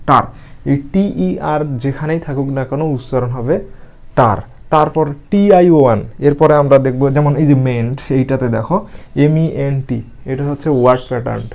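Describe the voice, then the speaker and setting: A man teaching English reading, explaining spelling and pronunciation slowly, spelling words out letter by letter. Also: mid-range voice, a little mellow.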